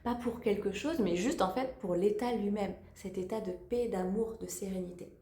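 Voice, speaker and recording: A woman speaks as a spiritual coach in a casual motivational talk, addressing the listener directly in a familiar, slangy way. Her voice sits at a middle pitch. The room gives it a noticeable echo. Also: moderate pace, mellow.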